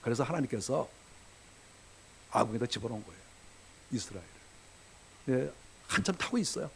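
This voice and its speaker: A man preaching a sermon as pastor, animated, acting out quoted voices and swinging between loud and quiet. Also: medium pitch, fairly quick, gravelly, a little hiss or hum. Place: church sanctuary.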